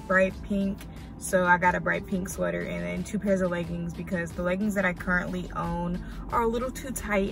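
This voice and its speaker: In a casual vlog filmed inside a parked car and at home, a woman in her twenties with an American accent talks in a creaky, medium-pitched voice. She's informal and slangy, tossing in animated asides.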